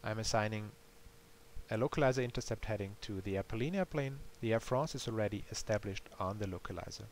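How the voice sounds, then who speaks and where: A developer voices a tutorial for a simulator game, explaining things in a matter-of-fact way as he demonstrates. His voice is fairly low and his pace quick, with clear background hiss on the recording.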